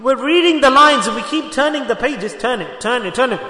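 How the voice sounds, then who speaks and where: A man whose native language is Urdu preaches a sermon, urging listeners on with rhetorical questions and repetition. His very high voice is animated, a little quick, bright and forceful, ringing through an echoey hall with long reverb.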